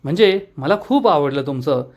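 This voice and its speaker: A man's voice: a little high, lively intonation, normal speed, close to an everyday voice. A man reading the lines of a cheeky, joking young man in a retold story. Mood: joking, breezy. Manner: playful, reassuring.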